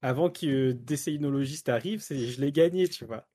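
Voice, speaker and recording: A man's voice: medium pitch, a little fast, dark tone, no room sound. Sheepish, chatty man co-hosting. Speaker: co-host. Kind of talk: casual stream chat.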